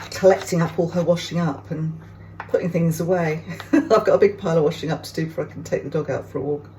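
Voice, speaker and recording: A woman's voice: deep voice, a little mellow, slight background noise. A woman chatting casually as she bakes and tastes muffins in her home kitchen, talking to viewers in a self-mocking way. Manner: chatty, self-mocking, talks while baking and tasting. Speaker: vlogger.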